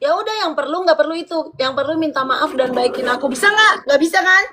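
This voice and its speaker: A woman with a high, bright-pitched voice scolds her partner during a live stream, pressing the same demands again and again. A faint hiss sits under her voice. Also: lively intonation, fast talker. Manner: scolding, repeats demands insistently. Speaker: livestream co-host. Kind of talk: heated argument on a livestream.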